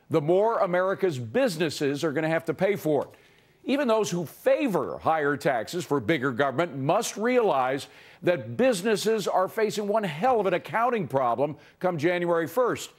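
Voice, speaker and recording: Higher-voiced man hosting a news show. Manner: emphatic, editorializing. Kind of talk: opinionated news commentary.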